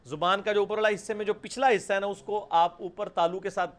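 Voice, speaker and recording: A middle-aged man with a Punjabi accent teaching Quranic pronunciation in a live class, repeating each sound loudly and slowly for students to copy and then calling on them by name. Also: high-pitched, steady tone. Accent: Punjabi-accented Urdu.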